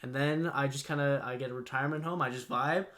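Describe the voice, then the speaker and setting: A man's voice: mid-range voice, fairly even intonation, fast talker, fairly bright tone. A young man co-hosting a podcast, chatting animatedly with friends, laughing and leaning on fillers. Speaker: podcast co-host. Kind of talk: casual chat.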